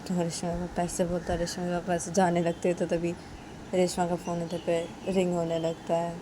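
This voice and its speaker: A woman's voice: fairly low pitch, normal speed, background noise. A woman narrating a romantic story in a casual, unscripted way with repeated linking phrases. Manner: repetitive linking phrases, relaxed retelling.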